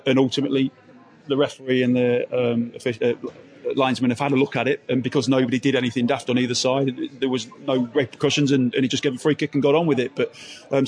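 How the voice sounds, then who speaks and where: A man, a football manager, giving a post-match interview with many hesitant ums and restarts. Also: mid-range voice.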